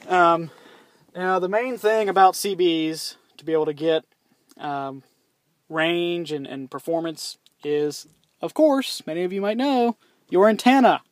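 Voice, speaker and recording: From the driver's seat of his parked SUV, a man reviews his CB radio for a vlog in a high-sitting voice at a measured pace, with no room sound. The talk rambles, the swearing is casual, and he keeps saying um and starting over.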